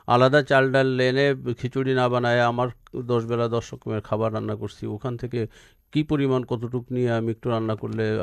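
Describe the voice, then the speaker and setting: A man's voice: mid-range voice, vocal fry, a little mellow, dry recording. A man with a Bangladeshi accent explaining advice as a radio phone-in expert, with emphatic, repetitive lists. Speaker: expert guest answering listeners' questions.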